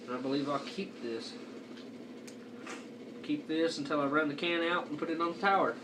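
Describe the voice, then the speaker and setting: Talking at a normal pace in a fairly high voice, a young man reviews a product casually as an amateur, a lip full of dip the whole time. It's captured on a noisy home video microphone set some distance away.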